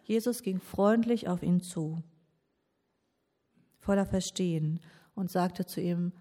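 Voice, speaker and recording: A woman's voice: on the low side, takes it slowly, warm tone. A woman preaching a sermon to young people, talking personally and addressing listeners directly.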